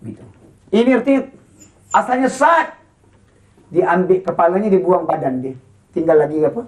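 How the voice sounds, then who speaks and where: A Quran recitation teacher with a Malaysian Malay accent, chanting slow model verses and then quickly explaining and quizzing pupils. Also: mid-range voice, lively intonation. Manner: quizzing pupils with short questions. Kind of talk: classroom lesson with call-and-response.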